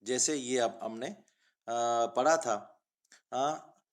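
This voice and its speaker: A man teaching a Quran recitation lesson. He explains each rule briskly, then stretches out words in slow recitation for the student to repeat, and patiently calls the student 'child'. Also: medium pitch. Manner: patient, addresses student as child. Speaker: Arabic and Urdu teacher.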